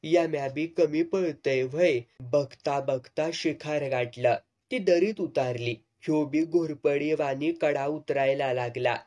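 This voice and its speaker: A man's voice: fairly high pitch, slow, few pauses, a little mellow. A man narrating a serialized village novel aloud, telling the story vividly in earthy country idiom.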